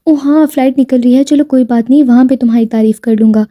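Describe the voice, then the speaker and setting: Brief: woman voicing a doting husband, playful then firm, mellow higher voice, storybook. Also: steady tone, natural voice. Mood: teasing. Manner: teasing and tender, then firm when arrested. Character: devoted affectionate husband, teasing, wealthy businessman.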